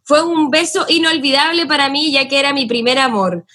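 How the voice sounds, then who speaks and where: A woman's voice: high voice, a little fast, sharp tone. A Chilean woman hosting a casual chat show and reading out listener messages. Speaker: host.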